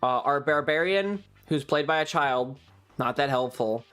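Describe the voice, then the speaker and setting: A man's voice: a little high, lively intonation, unhurried, a bit bright, smooth, faint music behind. A man chatting casually to stream viewers, telling stories emphatically with heavy swearing and repeated phrases. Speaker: livestreamer. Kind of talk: casual chat, animated storytelling to stream viewers.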